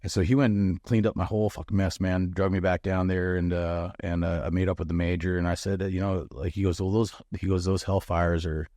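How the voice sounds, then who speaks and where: A middle-aged man, a former bomb disposal chief, telling stories in a blunt, profane, animated way in a casual conversation. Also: low voice, brisk, hardly any pauses, no echo, clean studio sound.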